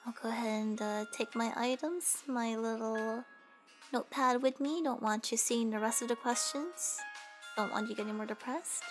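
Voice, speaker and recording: A woman playing a high-voiced, flippant young nurse. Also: normal speed, faint music behind, close to an everyday voice. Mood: flippant, chatty. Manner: casual, joking, rambling. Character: teasing, flippant young female nurse questioning a patient. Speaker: nurse in a role-play. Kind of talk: conversational comedic role-play.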